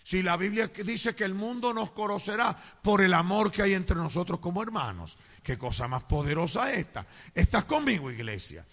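A man preaching as a pastor, emphatic, swinging between loud bursts and low asides, calling on the congregation to answer. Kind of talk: preaching sermon with call and response. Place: church hall. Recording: long church hall reverb.

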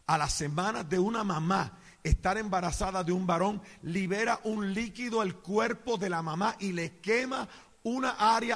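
A man preaching as a pastor, emphatic, swinging between loud bursts and low asides, calling on the congregation to answer. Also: vocal fry, slightly rough. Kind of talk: preaching sermon with call and response. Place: church hall. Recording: long church hall reverb.

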